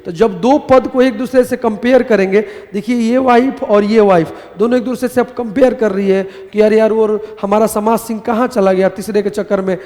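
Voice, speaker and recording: A man's voice: high-pitched, normal speed, few pauses, big-room sound. A man teaching grammar in a live class, telling little stories and asking questions that he answers himself. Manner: animated storytelling, asks and answers his own questions.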